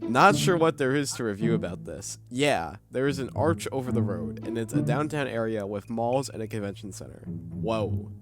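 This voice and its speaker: Male video host, casual comedic read-aloud, amused disbelief, mid-pitched voice over background music. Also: lively intonation, normal speed.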